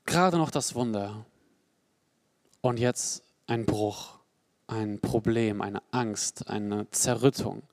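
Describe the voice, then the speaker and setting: A young adult man preaching a sermon in an earnest, personal way, rising to emphatic peaks and dropping to quiet, low passages. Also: takes it slowly, dry recording, studio quality.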